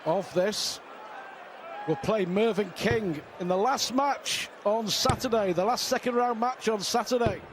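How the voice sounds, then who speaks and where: A man's voice: sits high, a little slow. A man giving live darts commentary in an emphatic way, repeating phrases for effect. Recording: clear venue noise behind the voice.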